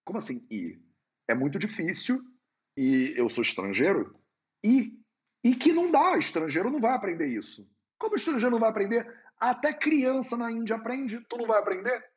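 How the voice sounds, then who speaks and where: An insistent, stern old-school female professor, pitched up and swinging widely as she drives her point home, as a man puts her on. The sound is muffled and lo-fi. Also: very animated, fairly quick. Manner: emphatic, repeating no over and over. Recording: dull lo-fi sound.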